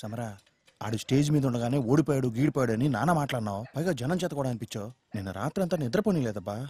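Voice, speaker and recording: An actor dubbing an eager young friend who pushes a boxer to accept a fight. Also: male voice, mid-range voice, expressive, warm tone, husky. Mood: urging. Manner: rapid, pushy urging. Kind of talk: dubbed film dialogue.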